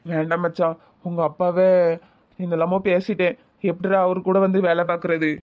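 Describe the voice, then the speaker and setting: A man's voice: high voice, level tone, fairly quick, phone-quality sound, lightly acted. A man voicing a troubled, jobless young man in a cartoon, with heavy, regretful talk in a Tirunelveli Tamil accent. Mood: weary. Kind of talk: cartoon voice acting.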